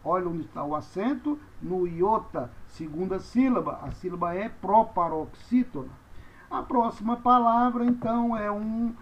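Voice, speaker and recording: A man teaching a language lesson, patiently spelling out letters and repeating each word. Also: high-pitched. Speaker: Greek teacher. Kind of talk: classroom lecture. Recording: dull lo-fi recording.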